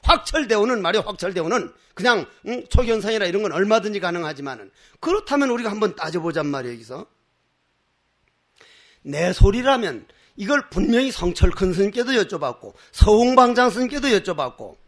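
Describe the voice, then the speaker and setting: A man's voice: high voice, big pitch swings, fairly quick. An older man, a Buddhist monk giving a dharma talk with passion and emphasis, acting out the people he quotes. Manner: impassioned, emphatic; acts out quoted voices, laughs at his own stories.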